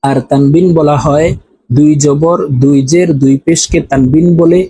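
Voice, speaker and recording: A man teaching Quran reading, spelling out each syllable and repeating every word slowly so learners can follow. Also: fairly high pitch, little pitch movement, dark tone, a little hiss or hum, rough recording. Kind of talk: spelled-out recitation lesson.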